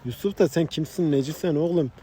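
A man's voice: on the high side, a little fast, mellow, slight background noise, rough recording. A man on the street pulled into a prank, answering briefly and telling someone off bluntly. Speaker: prank target. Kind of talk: casual street talk. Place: outdoors on a street.

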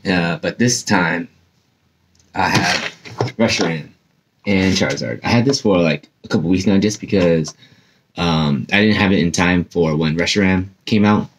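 A man's voice: low voice, moderate pace, slight background noise. A young man hosting a casual unboxing vlog, chatty and rambling with lots of fillers, his mouth slightly numb after dental surgery. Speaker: YouTube host.

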